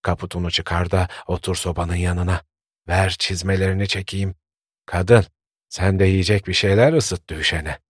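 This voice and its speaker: A man voicing a worried, gruff old village grandfather who scolds and frets. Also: low-pitched, fairly even intonation, normal speed, no room sound, clean studio sound. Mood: soothing. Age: older. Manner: scolding, fretful.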